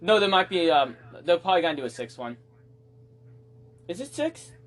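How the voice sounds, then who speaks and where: This young podcast co-host has a high voice with big swings in pitch and speaks at a normal speed. Trading casual banter with his friends, he stays joking and defensive, laughing and swearing as he goes.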